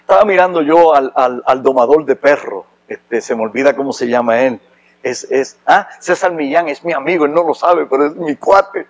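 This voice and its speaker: A man from Rico, preaching a sermon with impassioned, emphatic delivery that rises to loud preaching. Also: on the high side, low-quality recording. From Puerto Rico. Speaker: pastor.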